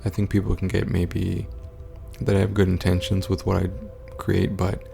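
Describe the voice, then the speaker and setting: A man talking low and quietly, as in a sleeping house at night, in a monotone, stoic way for a casual vlog update. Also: moderate pace, gravelly, over music. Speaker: content creator.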